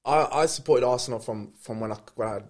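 A man's voice: mid-range voice, fast, crowd noise. A man, a podcast guest and former footballer, telling stories in casual slangy chat. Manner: animated storyteller, laughs through punchlines, slangy.

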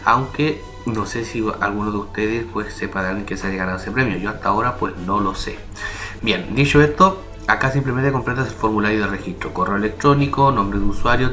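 A man's voice: lowish voice, pushed and bright. A man hosting a screen-recorded walkthrough, explaining step by step in a casual tone and often checking in with his listeners. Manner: casual, explanatory, frequent "¿ya?" and "¿vale?" check-ins. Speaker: tutorial host. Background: background music.

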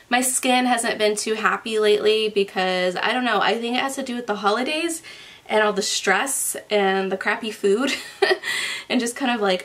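A woman's voice: medium pitch, fairly bright tone. A young woman, a beauty vlogger, chatting casually through a makeup unboxing, her voice nasal from a cold, with frequent giggles.

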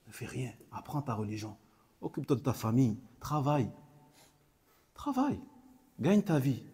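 A man's voice: mid-range voice, a little fast, warm tone, slightly rough. A man giving a religious lesson, repeating key phrases for emphasis and mixing in short Arabic phrases. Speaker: Islamic teacher. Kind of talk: religious lesson commenting on a hadith text.

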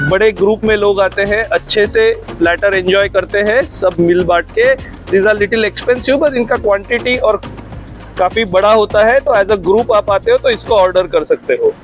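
Indian guy food vlogging, eager, higher voice, lapel mic outdoors at a restaurant. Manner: enthusiastic, mixes Hindi and English. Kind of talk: casual food vlog commentary. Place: open-air rooftop restaurant.

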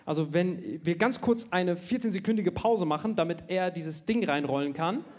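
Animated high-voiced stand-up comedian. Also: male voice, normal speed. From India. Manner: animated, jokey, frequent tag questions.

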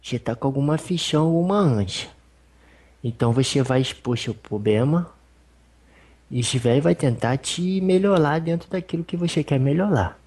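A medium channeling a husky old spirit elder. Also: mid-range voice, lively intonation, normal speed, a little mellow. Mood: fatherly. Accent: Brazilian. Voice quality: husky, rambling, folksy speech with fond asides. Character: old male spirit elder, humble, teasing, fatherly. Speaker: spiritual medium giving a consultation. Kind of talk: religious consultation talk.

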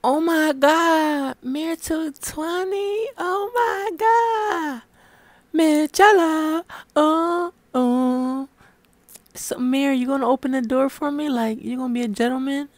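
A man's voice: very high-pitched, takes it slowly, no room sound, voice pushed up. A man putting on a squealing, giddy young woman. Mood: starstruck squealing. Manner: squealing and gushing, slangy. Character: giddy starstruck young woman, loud and excitable. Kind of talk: comedy skit character voice.

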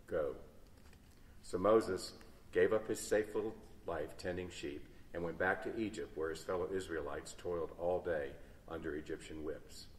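A man dramatically reads a Bible story aloud in a large church, his loudness rising and falling. His voice is very deep. It rings with long reverb and sounds distant from the mic. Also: fairly even intonation, moderate pace. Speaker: story reader. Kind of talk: expressive read-aloud storytelling.

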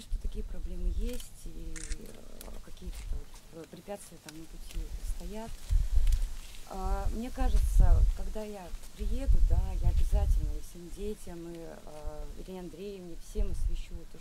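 A young adult woman from northern Russia making unscripted public remarks at an outdoor gathering. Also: fairly low pitch. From Kotlas, northern Russia. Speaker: teacher speaking at a rally. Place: outdoors in a park by memorial stones. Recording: loud outdoor background noise.

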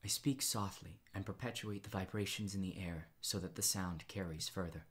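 An author voicing a calm male superhero who speaks softly, near a whisper, in an audiobook whispered role-play. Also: low-pitched, normal speed, lightly acted. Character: soft-spoken male hero, living tornado.

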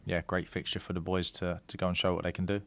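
In a club press room, a football manager in his thirties answers questions into a desk mic in a measured way, with frequent ums and restarts. His voice is low, gravelly and monotone, yet a little bright.

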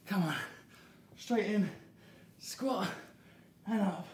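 A man's voice: sits high, drawn-out words, darkish tone. A man, out of breath as he coaches a workout while exercising, giving short motivational cues. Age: 30s. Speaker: fitness coach. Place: indoor gym studio with hard floor. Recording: echoey room, audible background noise.

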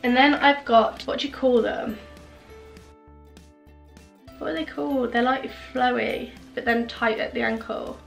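A woman's voice: on the high side, fairly even intonation, measured pace, vocal fry, pauses often, muffled recording, faint music behind. A woman in her twenties giving a casual wardrobe tour at home, chatting and thinking aloud as she hunts for the right words. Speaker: fashion vlogger.

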